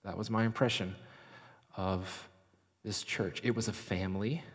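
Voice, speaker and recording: A male pastor preaching a sermon in a church, slow and dramatic, dropping to a hush and then rising for emphasis. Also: fairly low pitch, steady tone, slightly rough. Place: church sanctuary. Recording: long reverb of a large hall.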